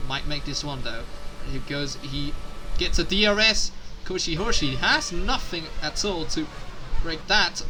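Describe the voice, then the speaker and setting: A man commentating live on a motor race, halting and often correcting himself as he follows the action. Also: fairly high pitch. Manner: halting, repeats and corrects himself mid-sentence. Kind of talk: live race commentary of a sim racing game. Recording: noisy, with vehicle sounds behind.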